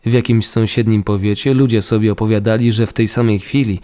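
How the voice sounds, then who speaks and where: A man narrating a ghost story in a calm, measured reading. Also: lowish voice.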